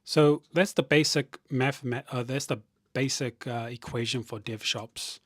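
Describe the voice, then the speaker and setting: On a casual live stream, a man with a middle-pitched, steady voice rambles and thinks out loud at a measured pace, restarting sentences often and reading viewer comments aloud. The sound is dry and close with no echo, and keyboard typing occasionally comes through behind him.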